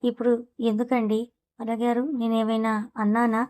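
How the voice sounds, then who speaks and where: A woman's voice: on the high side, little pitch movement, normal speed, a little mellow, natural voice. A woman voicing a naive, polite young bride. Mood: innocent. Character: innocent shy young married woman.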